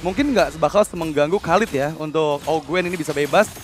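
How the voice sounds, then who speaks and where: A man's voice: on the high side, fairly quick, a little hiss or hum. A man working as an esports caster, giving dramatic play-by-play commentary on a game.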